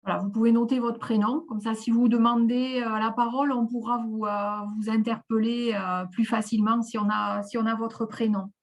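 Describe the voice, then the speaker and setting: A woman giving step-by-step instructions for a video-call platform, often pausing with fillers and restarting her sentences. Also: fairly high pitch, little pitch movement, slight background noise. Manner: hesitant, many fillers and restarts. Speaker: webinar presenter. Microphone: video call microphone.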